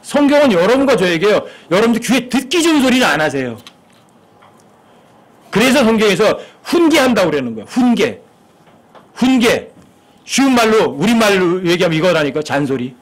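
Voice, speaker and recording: A man's voice: high voice, big pitch swings, a little fast. A male pastor preaching a sermon in church, talking conversationally and asking his listeners frequent rhetorical questions.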